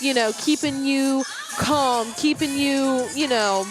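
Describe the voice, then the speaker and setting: A woman's voice: high-pitched, takes it slowly. A woman commentating a youth powerlifting meet on a livestream, bubbly and encouraging as she calls out lifters and weights. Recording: music playing underneath. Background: music.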